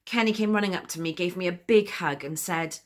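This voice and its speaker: A woman's voice: lowish voice, a little fast, close to an everyday voice. An actress playing a chatty, giggly woman who confides her story in a comic spoken monologue and laughs often between sentences. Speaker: monologue performer.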